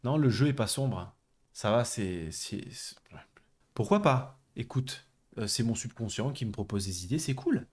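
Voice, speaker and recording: A man's voice: mid-range voice, expressive, a little slow, darkish tone, slightly rough. A young French man commenting on a role-playing game, reading its text aloud, laughing and swearing. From France. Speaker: gameplay commentator. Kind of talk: let's play commentary.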